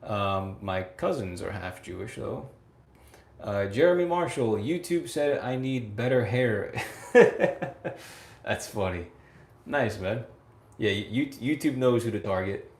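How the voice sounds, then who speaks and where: Fairly low in pitch, expressive and slow, this man's voice echoes with reverb. An American livestream host in his late twenties, he answers viewer comments in a casual, chatty way. He laughs often, repeats phrases and keeps adding "right?".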